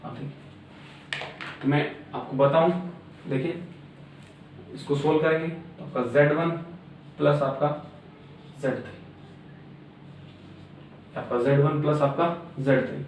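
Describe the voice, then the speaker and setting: A man's voice: on the high side, steady tone, measured pace, long pauses, darkish tone. A man teaching circuit theory at a board, explaining step by step and repeating filler words. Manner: repetitive filler-laden explaining, frequent "aapka". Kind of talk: classroom lecture at a board. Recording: very echoey room, mic far off, faint noise.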